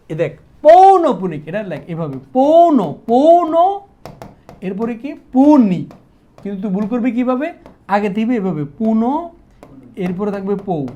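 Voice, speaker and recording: A young man with a Bangladeshi Bengali accent teaching an exam-prep lesson. He drills spelling words, stresses key words loudly and mixes in English words. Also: high-pitched. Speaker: tutor.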